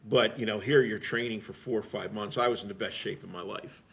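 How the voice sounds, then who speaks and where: Speaking briskly with vocal fry, this middle-aged man has a fairly low, slightly bright voice. He's a veteran firefighter on an interview, spinning loose, rambling stories in plain words and leaning on fillers.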